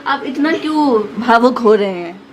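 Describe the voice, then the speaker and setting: Brief: female debate anchor with a high voice, pointed and challenging questions. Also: expressive, normal speed, a little hiss or hum.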